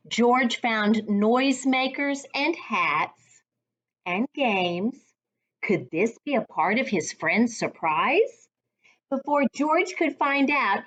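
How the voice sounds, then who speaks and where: A high-voiced woman narrates a children's storybook, taking an expressive, unhurried storytelling approach as a reading coach might with young kids. The recording's high end is cut off.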